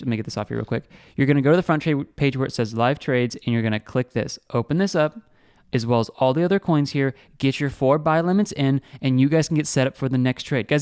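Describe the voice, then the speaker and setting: A young man hosting a crypto trading channel, giving fast, excitable screen-share market commentary and talking straight to his viewers. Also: medium pitch, smooth, no room sound, studio quality.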